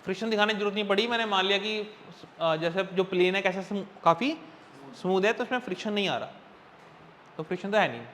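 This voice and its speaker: A man teaching a physics class, quizzing his students constantly in a coaxing, brisk way. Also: high voice, fairly bright tone, a little hiss or hum. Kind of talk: classroom lecture.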